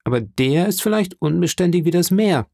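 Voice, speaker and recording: A man's voice: high voice, expressive, fairly quick, creaky, dark tone, no echo, clean studio sound, pitched above the performer's own voice, heavily acted. A man reading an audiobook, voicing a jealous, brooding young fisherman with an insistent delivery. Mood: pleading, jealous.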